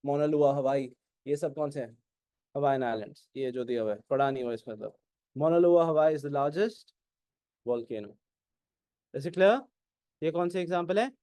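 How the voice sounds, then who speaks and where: A man with an Indian English accent teaching an exam-prep class, mixing Hindi and English and often asking whether it is clear. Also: a little high, slow pace, long pauses, dark tone, dry recording. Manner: keeps asking "is it clear?", questions and answers his own prompts.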